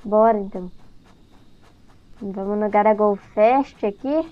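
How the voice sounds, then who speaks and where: Easily startled and prone to talking to the game, a young gaming YouTuber with a Brazilian Portuguese accent offers relaxed, chatty let's-play commentary. She speaks a little slowly in a mid-range voice, captured in dull lo-fi sound with game music behind her.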